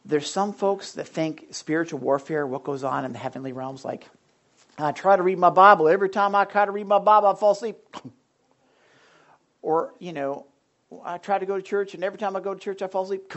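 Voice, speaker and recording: A preacher delivering a sermon to a live audience, talking loudly and excitedly, then dropping into hushed, earnest tones. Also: mid-range voice, brisk, lo-fi sound. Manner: loud and excitable, swinging between shouting and hushed tones. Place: indoor gathering with a live audience.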